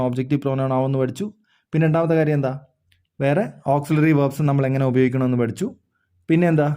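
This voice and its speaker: A man's voice: fairly high pitch, warm tone. A man teaching an English grammar lesson, explaining step by step, repeating words and often checking whether the listeners understood.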